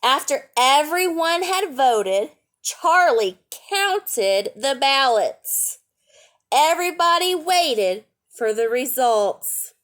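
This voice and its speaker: High and expressive, her voice is a bit bright and takes a slow pace. As a storytime reader and teacher, she reads a picture book to small children and adds casual remarks, plain explanations and questions.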